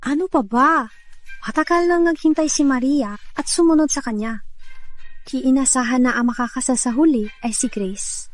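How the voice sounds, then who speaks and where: An actress dubbing a lively, friendly young female journalist in a drama. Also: sits high, moderate pace, soft background music, lightly acted. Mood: gossipy. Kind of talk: dubbed drama acting.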